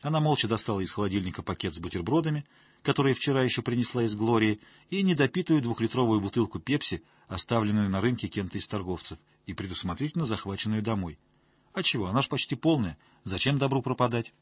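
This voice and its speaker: A man's voice: lowish voice, expressive, quick pace, breathy edge, no room sound. A man narrating an audiobook in a wry, colloquial storytelling manner.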